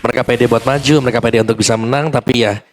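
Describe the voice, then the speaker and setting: A man's voice: medium pitch, fairly even intonation, rapid-fire. A man with an Indonesian accent giving casual live commentary as an esports co-caster. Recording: music playing behind the voice.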